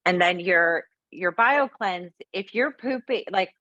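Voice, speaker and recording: A woman's voice: lowish voice, animated, takes it slowly, sharp tone, no echo, dull audio. A woman presenting products in a chatty, frank talk full of fillers. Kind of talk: casual sales talk.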